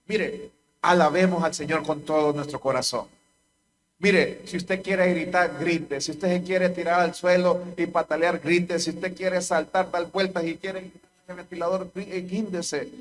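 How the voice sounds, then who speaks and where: A man's voice: high voice, a little hiss or hum. A man with a Honduran accent preaching a sermon to a church congregation, repeating key lines with emphasis. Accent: Honduran Spanish. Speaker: pastor.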